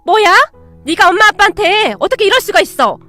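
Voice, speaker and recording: A woman voicing a self-righteous middle-aged mother who talks in a sharp, accusing way in a storybook reading. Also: high voice, lively intonation, fairly quick, no echo, soft background music. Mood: shrieking.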